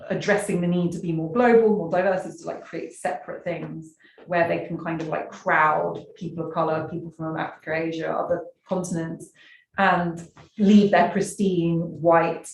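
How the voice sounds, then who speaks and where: Lowish woman guest, emphatic and fluent, echoey far-off mic, bit of hiss. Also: steady tone, moderate pace, vocal fry. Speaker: guest speaker. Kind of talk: conversational discussion. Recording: echoey distant mic with faint noise.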